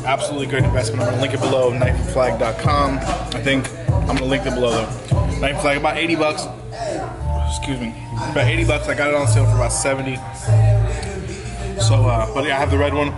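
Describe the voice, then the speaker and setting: A young man, a barber, chatting casually to a camera held at arm's length, first in his car and then in a busy barbershop, in relaxed slangy talk. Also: medium pitch, quick pace, over loud music, low-quality recording. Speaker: barber vlogger. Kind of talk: casual vlog chat.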